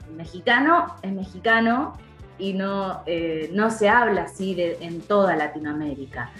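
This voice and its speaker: A woman's voice: mid-range voice, animated, measured pace, a bit bright, roomy sound, faint music behind. A woman with an Argentine accent, a voice-over and dubbing artist, explaining pronunciation patiently in a podcast interview and repeating words to show the sounds. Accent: Argentine Spanish.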